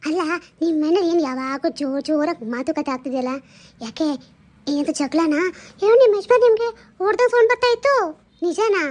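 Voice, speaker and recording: A woman's voice: extremely high pitch, darkish tone. A woman voicing a nosy female neighbour who pries with mock sympathy. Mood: prying. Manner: prying, quick and mock-sympathetic.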